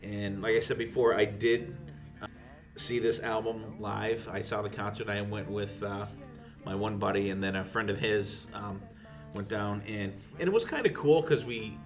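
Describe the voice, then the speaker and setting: A man's voice: lowish voice, moderate pace, music in the background. Rambling profane podcast storyteller man. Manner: rambling, profane anecdote teller. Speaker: podcast co-host. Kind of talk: casual chat.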